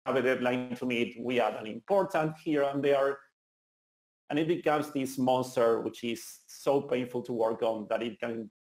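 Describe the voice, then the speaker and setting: Speaking at a conference in a meetup venue hall, a thirty-something Argentinian man with a matching accent sounds earnest and enthusiastic, occasionally restarting sentences. His medium-pitched voice is a little mellow, and the audio carries a roomy hall quality.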